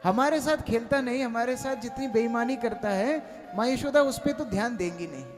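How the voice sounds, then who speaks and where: A man's voice: extremely high pitch, normal speed, in a large hall, over music. A male storyteller voicing a band of young cowherd boys who taunt and tattle.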